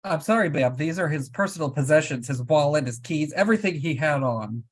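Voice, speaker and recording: A man reading a blunt police officer in an amateur script read, with a flat, businesslike manner. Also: a little high, fairly quick.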